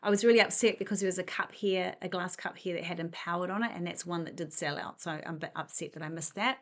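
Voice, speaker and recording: Talking fast in a lowish, slightly bright voice, this middle-aged shopping vlogger strolls a discount store and films a relaxed walk-through. Her chatter wanders, and she's casual and self-deprecating throughout.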